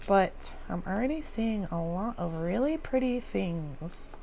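Female vlogger, unhurried with some vocal fry, casual unboxing chat recorded indoors. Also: medium pitch, lively intonation, mellow, a little hiss or hum. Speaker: video host.

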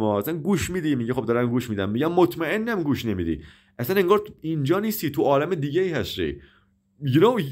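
A man whose first language is Persian, teaching English vocabulary. He explains in Persian and says the English example sentences slowly and with care, often repeating words and stopping short to correct himself. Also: mid-range voice, dark tone. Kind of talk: vocabulary lesson with example dialogues.

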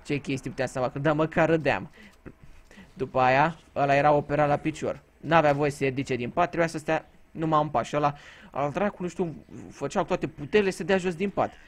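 A man's voice: fairly high pitch, fairly even intonation. A man from Romania giving casual gameplay commentary, telling crude, joking stories and swearing freely. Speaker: gaming YouTuber.

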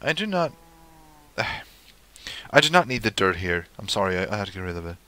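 Swearing at his game and talking to the creatures in it, a young man narrates a relaxed let's play. He speaks at a normal pace in a low-pitched, sharp-toned voice with big swings in pitch.

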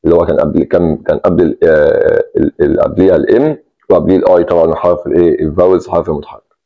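A man's voice: low voice, fairly even intonation, very fast, vocal fry, narrow, tinny audio. A man with an Egyptian Arabic accent teaching an English grammar lesson, explaining step by step and repeating key points. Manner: explains step by step, repeats key words, stresses "take care".

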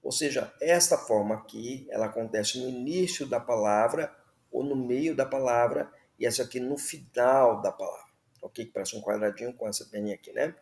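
A man's voice: mid-range voice, normal speed, darkish tone, reverberant. A man teaching the Hebrew alphabet, patiently repeating words and checking in with listeners. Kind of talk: slow classroom explanation.

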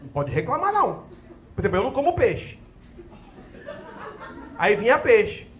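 A young adult man from Brazil doing a profane, animated stand-up routine, with a crowd laughing in the background. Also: high voice, moderate pace, a little hiss or hum. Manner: profane, animated storytelling with shouted sergeant bits. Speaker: stand-up comedian. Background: audience laughter.

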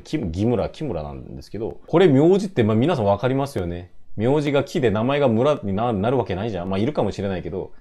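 A young man from Korea with a Korean accent, a native Korean speaker teaching a language online, explaining with animated asides and reading example dialogue aloud. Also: lowish voice.

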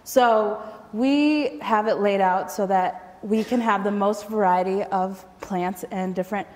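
A woman's voice: mid-range voice, measured pace, darkish tone. Young woman telling a story in a hall. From Michigan, United States. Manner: casual and conversational, with frequent ums and light laughs. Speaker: storyteller at a food event. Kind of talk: personal storytelling talk. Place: lecture hall with projector screen. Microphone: lapel mic. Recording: reverberant hall.

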